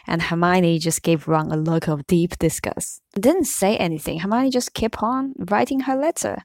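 A woman's voice: fairly low pitch, moderate pace, dry recording, studio quality. A woman reading a book aloud and chatting about it, amused and retelling scenes in her own words. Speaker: storyteller. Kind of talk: casual book reading with commentary.

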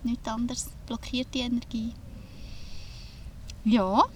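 A woman's voice: on the high side, level tone, takes it slowly, a little mellow, slight background noise. A woman co-hosting a podcast, speaking reflectively and hesitantly in casual chat from inside a camper van. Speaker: podcast co-host.

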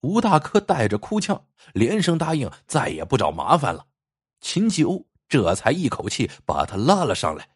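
A man narrating a folk tale as a storyteller, with a husky voice and lively, expressive delivery. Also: medium pitch, normal speed, no room sound, clean studio sound.

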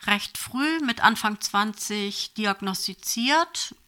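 Bright-voiced woman in her fifties. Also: medium pitch, expressive, takes it slowly, clean tone. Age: 50s. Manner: brief and matter-of-fact. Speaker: podcast guest. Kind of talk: conversational interview answers.

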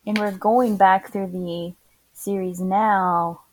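A woman in relaxed podcast conversation, recorded inside a closet. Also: medium pitch, slow, slight background noise, poor audio. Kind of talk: casual podcast chat.

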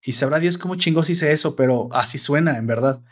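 A man's voice: fairly high pitch, fairly quick. Chatty Mexican man, slangy explainer. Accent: Mexican Spanish. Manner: explains at length, salty slang. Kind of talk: casual chat.

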